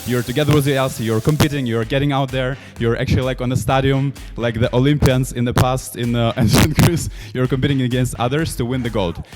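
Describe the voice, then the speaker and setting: A man's voice: mid-range voice, fast, few pauses, over music. Upbeat man. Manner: energetic and upbeat. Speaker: event host. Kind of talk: online event presentation. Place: at home on a couch.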